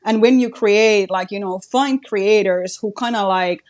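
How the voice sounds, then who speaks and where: A Finnish guest artist with a Finnish accent talks reflectively in a casual podcast chat, saying "like" in nearly every phrase. Her voice is medium-pitched and darkish in tone, and she speaks a little slowly.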